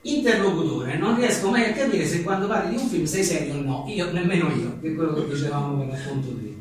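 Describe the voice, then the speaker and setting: A writer and journalist presents his own book live, reading humorous one-liners aloud with casual asides in a wry, joking way and often chuckling. His voice is on the high side and he talks fast. The echoey room, distant mic, and faint noise reflect the reverberant venue.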